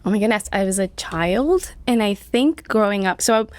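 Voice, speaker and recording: A Colombian-raised woman in her thirties, a nonprofit CEO, chats as a guest in a casual interview. Her medium-pitched voice is expressive at a moderate pace, and she laughs often and fills her speech with "like."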